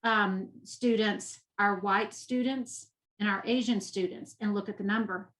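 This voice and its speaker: A nonprofit education executive with a Texas accent speaks as an interview guest, passionate and emphatic, repeating points to drive them home. Her mid-range voice is a bit bright, fairly even in intonation and a little slow. The recording quality is low.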